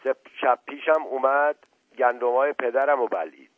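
A man's voice: mid-range voice, voice pushed up, lightly acted. A ruthless young villager speaks bluntly with a lifted voice, as a man plays him. The sound is narrow and tinny with no room echo. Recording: tinny phone-like dry recording.

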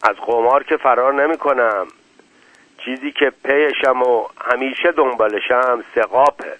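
A man's voice: mid-range voice, dry recording, natural voice. A man voicing a wry, joking male deserter soldier at a gambling table. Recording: tinny phone-like, dry.

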